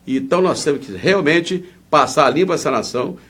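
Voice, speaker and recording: A man's voice: on the high side, animated, brisk, a bit bright, breathy edge. Indignant Brazilian man in a political interview. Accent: Brazilian Portuguese. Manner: indignant, emphatic, rambling. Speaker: political candidate being interviewed.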